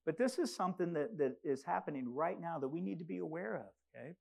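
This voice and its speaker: A man's voice: on the high side, expressive, quick pace, vocal fry. A man who grew up in Congo preaching a sermon, earnest and rising to urgent emphasis. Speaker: pastor.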